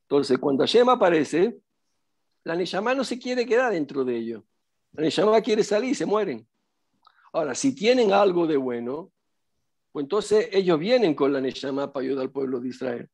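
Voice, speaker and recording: A man's voice: a little high, sing-song, moderate pace, creaky. A middle-aged man teaching as a rabbi in a religious lesson, emphatic and preacherly, full of rhetorical questions.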